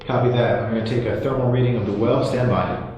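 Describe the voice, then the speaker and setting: A man's voice: medium pitch, fast talker, dull audio, a little hiss or hum, lightly acted. A man playing a businesslike paranormal investigator who reads meters, in found-footage horror film style. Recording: very echoey hall, music behind.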